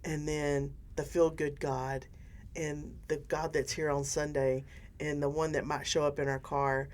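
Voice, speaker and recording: Older woman co-host, low-ish voice, chatty and rambling faith talk. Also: a little slow. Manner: animated, rambling, restarts often. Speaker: podcast co-host. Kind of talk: casual faith discussion.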